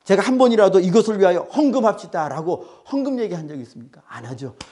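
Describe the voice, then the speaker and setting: A man's voice: sits high, expressive, fast talker, warm tone. A male pastor preaching a sermon, emphatic and repeating his phrases.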